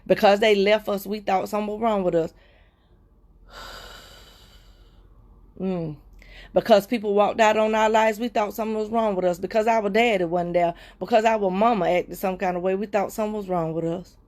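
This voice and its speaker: Speaking to her livestream audience, a woman gives a heartfelt personal testimony in a steady, medium-pitched voice. Her delivery has a repetitive, preacher-like rhythm, frequently slowing down and fading into soft murmurs.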